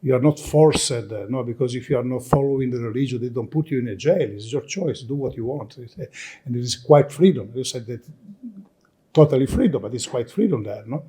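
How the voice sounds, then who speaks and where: A man from Italy with an Italian accent and an Italian mother tongue, giving a lecture presentation at a conference in halting, non-native English, often restarting and repeating words. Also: mid-range voice, mellow, a little hiss or hum.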